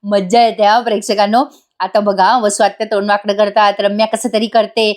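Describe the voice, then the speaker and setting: A woman recapping a TV serial episode in a voice-over review, chatty and excited, laughing often. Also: medium pitch, a little fast.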